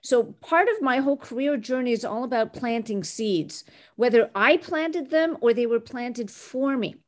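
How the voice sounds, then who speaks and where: Expressive and a little high, her voice moves at a moderate pace as she answers an interviewer. The speaker is a Canadian recruiter in her sixties describing her career with confident, articulate ease.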